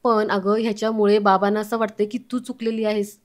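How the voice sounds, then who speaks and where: A woman reading the lines of an indignant, quick-tempered young man. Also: medium pitch, level tone, natural voice.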